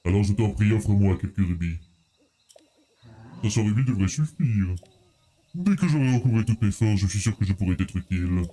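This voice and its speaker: A man voicing a weakened female great fairy with a distorted, garbled voice, talking slowly. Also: lowish voice, animated, warm tone, pitched below the performer's own voice. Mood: pleading.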